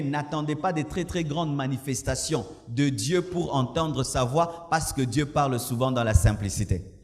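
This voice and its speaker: Preaching man in a reverberant hall. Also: fairly high pitch. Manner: preaching with shouted mimicry and laughter. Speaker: pastor. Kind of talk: sermon.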